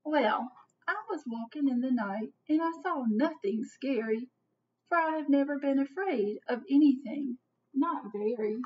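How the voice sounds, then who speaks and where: A woman in her thirties, her voice high and a little slow, reads a picture book aloud expressively, quizzing young listeners as a teacher might. Recorded on a computer webcam at desk distance in a small indoor home office, the sound is dull and remote.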